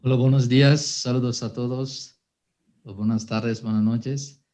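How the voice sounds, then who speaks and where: A man, a priest and formator, giving a personal testimony at a workshop. His voice sits at an ordinary middle pitch, and he talks at an easy pace, pausing and correcting himself often as he goes. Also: steady tone, dark tone. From Sri Lanka. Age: 30s. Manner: unhurried, with frequent hesitations and self-corrections.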